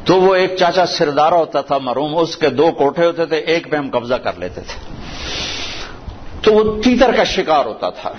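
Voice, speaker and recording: A man's voice: a little high, lively intonation, lo-fi sound, a little hiss or hum. Man preaching with vivid storytelling. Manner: storytelling, recites verses, explains word by word. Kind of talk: Urdu sermon with Quranic recitation.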